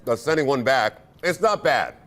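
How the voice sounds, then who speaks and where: A man's voice: mid-range voice, lively intonation, normal speed, a bit bright. Easygoing man news anchor. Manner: easygoing, chatty. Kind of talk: newsroom chat.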